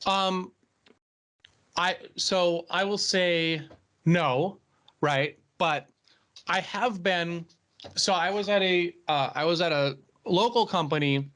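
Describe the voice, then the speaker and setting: High-voiced Midwestern man telling a story. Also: slow, pauses often. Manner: animated storyteller, laughs while telling. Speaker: podcast co-host. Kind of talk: casual podcast chat.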